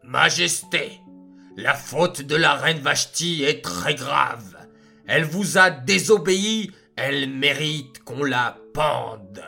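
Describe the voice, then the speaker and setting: A man voicing a minor royal minister who speaks gravely and formally, in a children's storybook reading. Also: on the high side, expressive, takes it slowly, pushed and bright, faint music behind, heavily acted.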